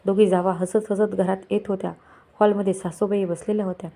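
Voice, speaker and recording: Woman storyteller, even delivery, soft warm tone. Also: mid-range voice, a little fast. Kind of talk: scripted story narration.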